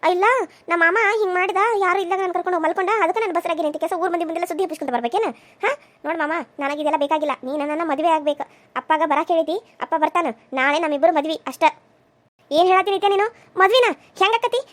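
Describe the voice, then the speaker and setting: A woman's voice: very high-pitched, racing. A woman voicing an insistent, scheming young woman in a cartoon serial, accusing and demanding. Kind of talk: cartoon voice acting.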